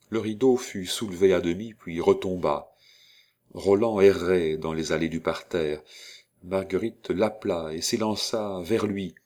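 A man narrating a classic novel aloud in a measured, literary reading. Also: sits low, a little mellow. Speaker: audiobook narrator.

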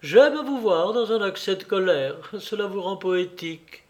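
A man voicing a jovial young gentleman who teases and mocks his friend, in an audiobook reading. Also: high voice, lively intonation, unhurried, voice pushed up. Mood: teasing. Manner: mocking, playful.

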